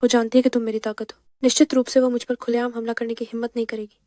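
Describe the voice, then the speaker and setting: An actress dubbing a clever young woman who speaks calmly and firmly. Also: on the high side, dry recording, clean studio sound, lightly acted. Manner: calm and firm, quick delivery. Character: cool, clever young woman outsmarting a rival. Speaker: heroine. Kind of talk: Hindi dub of a drama.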